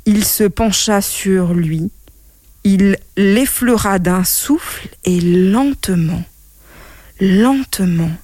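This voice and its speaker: Slow, gentle woman storyteller. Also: on the low side, dry recording. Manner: slow, measured, gentle reading. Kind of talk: scripted storybook narration.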